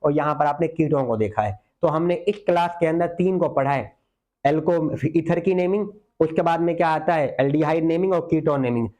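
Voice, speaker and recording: High-voiced chemistry teacher coaxing students. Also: male voice, a little fast, mellow. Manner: coaxing, asks questions then answers himself. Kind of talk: online exam-prep lecture.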